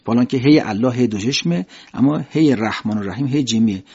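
Husky-voiced man teaching pronunciation. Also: mid-range voice, darkish tone. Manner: explains step by step, then slowly demonstrates each sound. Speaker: Quran recitation teacher. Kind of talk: pronunciation lesson. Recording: dull lo-fi recording.

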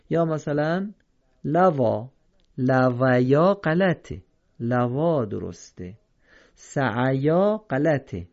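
A man teaching the rules of Quran reading in a recorded lesson, speaking slowly and carefully and repeating each example to set right readings against wrong ones. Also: medium pitch, creaky, a little mellow, highs cut off.

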